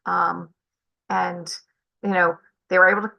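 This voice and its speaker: An older woman giving halting testimony at a public meeting, with many fillers. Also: fairly low pitch, little pitch movement, creaky, lo-fi sound. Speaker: former student testifying. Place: meeting room.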